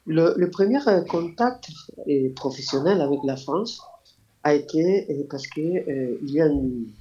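A man's voice: a little high, expressive, warm tone. Hesitant man, dull lo-fi sound. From Argentina. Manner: halting, searching for words, many fillers. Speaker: guest, radio project founder. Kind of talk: interview answers.

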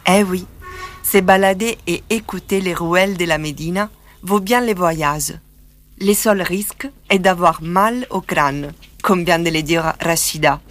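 A woman from southern Italy narrates a documentary from a script, speaking slowly and calmly. Her fairly low voice carries a reflective, storytelling manner.

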